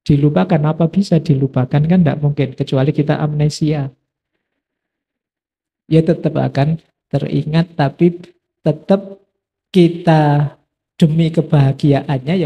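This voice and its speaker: A middle-aged man giving a relaxed philosophy study talk, answering imagined questions from his audience. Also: on the high side, gravelly, slightly rough, highs cut off. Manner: relaxed conversational teaching, quoting imagined questions. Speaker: lecturer.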